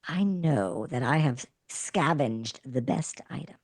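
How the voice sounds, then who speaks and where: A squeaky, boastful young rat scavenger in a tabletop game, his voice leaping up and down, as a man puts him on. He is eager and sure his find beats everyone's, and he draws his words out. The sound is dry. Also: takes it slowly, gravelly, dry recording, full character voice. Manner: excited, boastful, high-pitched.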